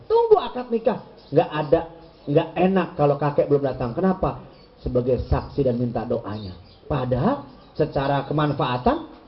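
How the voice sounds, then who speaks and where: Man preacher, high and swooping voice, playful and teasing; muffled lo-fi recording. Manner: playful, teasing, acts out voices of husbands and wives. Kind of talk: lively sermon to a women's gathering.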